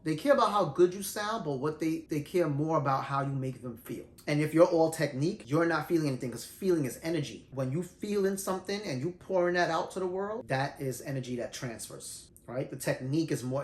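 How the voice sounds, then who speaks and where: Middle-aged male vlogger, lively casual teacher, fairly high voice, echoey room. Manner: animated, self-described shy introvert, loose and conversational. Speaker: vlogger sharing singing tips. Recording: roomy echo.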